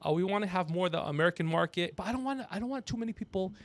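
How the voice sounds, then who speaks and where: A podcast host and comedian runs a livestream, rambling and cracking jokes, plugging himself, and talking to a crew member off mic. His voice sits high, is expressive, and races along, picked up by a podcast microphone while he wears headphones.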